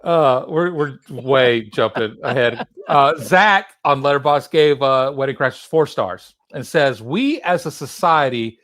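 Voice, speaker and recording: A man's voice: mid-range voice, measured pace, few pauses, fairly bright tone. A man hosting a casual movie podcast, wry, reading reviews aloud to his co-hosts. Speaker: podcast host. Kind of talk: casual chat.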